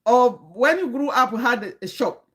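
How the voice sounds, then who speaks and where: Speaking at a normal pace with lively intonation, this woman has a fairly bright, higher-than-average voice. She's a Ugandan community coach in her fifties giving an earnest, lecturing livestream talk, often restarting sentences and stopping to welcome viewers.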